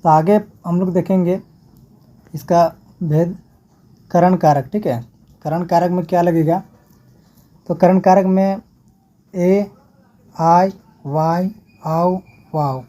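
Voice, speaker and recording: A woman teaches an exam-prep grammar class. Her voice is very dark and mellow and sits a little low. She goes through the material step by step and repeats every example before moving on. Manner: explains step by step, repeats each example and checks with "ठीक है".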